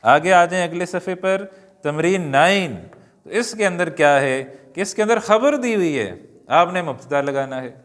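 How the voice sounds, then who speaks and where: A man teaching an Arabic lesson, reading words slowly and adding joking asides to his students. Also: high-pitched, animated, fairly bright tone. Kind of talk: classroom-style lesson. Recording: long hall reverb.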